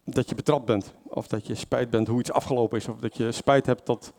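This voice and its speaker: Man, lay preacher, informal sermon, chatty and hesitant, mid-pitched. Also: fairly even intonation, a little fast, vocal fry, darkish tone. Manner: conversational, many fillers and self-corrections, asks the congregation questions.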